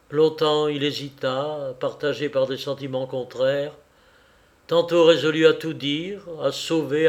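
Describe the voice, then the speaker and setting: Slow, dramatic male audiobook narrator. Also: mid-range voice. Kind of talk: reading a classic novel aloud.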